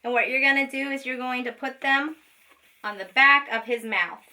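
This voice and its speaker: High-pitched, bright and forceful, a woman speaks at normal speed while instructing children in a craft, one step after another. She's a special education teacher with an informal, patient manner who keeps checking in. Sound is recorded from a distant microphone.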